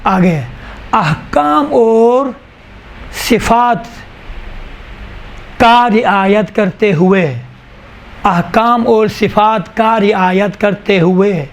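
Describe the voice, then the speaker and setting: A male teacher dictating definitions to a class, slowly repeating each phrase so students can write it down. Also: high voice. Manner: slow, repeats each phrase for note-taking. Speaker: Quran recitation teacher.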